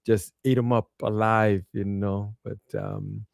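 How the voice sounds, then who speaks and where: A man's voice: fairly low pitch, huge pitch swings, takes it slowly, vocal fry, dry recording, studio quality. A man with a Brooklyn accent hosting a casual conversation, talking in a streetwise, colloquial way and often repeating phrases. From Brooklyn, New York. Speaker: podcast host.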